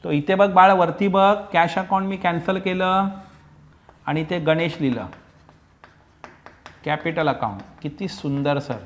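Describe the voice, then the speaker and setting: Male tutor, fairly high voice, pleading, repetitive online lecture delivery. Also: a little slow, long pauses. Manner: coaxing, repetitive, mixes Marathi, Hindi and English; acts out student replies. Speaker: accounts teacher.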